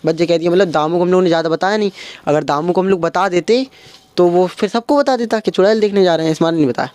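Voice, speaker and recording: Young man, high voice, stand-up storyteller, acts out every friend. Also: fast talker, clean tone, no echo. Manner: animated storytelling, acting out friends' lines. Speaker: stand-up comedian.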